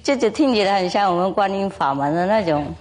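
A woman's voice: medium pitch, expressive, fairly quick, darkish tone. A woman spiritual teacher lecturing to an audience, telling jokes in a playful, teasing way and chuckling often.

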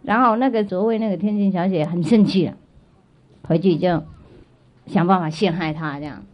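A woman's voice: lowish voice, normal speed. Woman telling a story to children. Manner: chatty, checks in with listeners often; repeats and restarts phrases. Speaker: spiritual teacher. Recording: dull lo-fi recording.

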